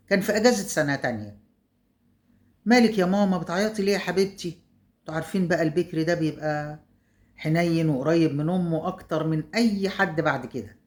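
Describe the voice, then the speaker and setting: A woman with an Egyptian accent telling a story casually, chatty, with asides to her viewers. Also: low-pitched. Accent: Egyptian Arabic.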